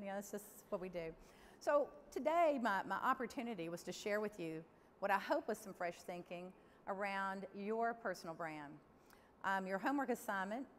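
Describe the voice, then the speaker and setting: Middle-aged woman, keynote speaker, candid and lively, echoing big hall, faint room noise. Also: mid-range voice. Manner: lively, candid, addresses the audience directly. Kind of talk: conference keynote speech. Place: large conference hall.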